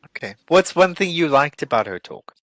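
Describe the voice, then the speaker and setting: A man's voice: a little high, big pitch swings, normal speed, fairly bright tone, no room sound, lo-fi sound. A man coaching students for a speaking test, giving feedback and explaining with examples. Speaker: English teacher.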